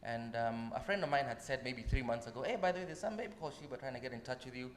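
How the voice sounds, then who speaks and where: This Kenyan guest musician talks fast in a mid-range voice, swapping casual stories on a talk show. Animated and laughing, he repeats words and starts over many times, and the recording carries a hall's long echo with faint noise.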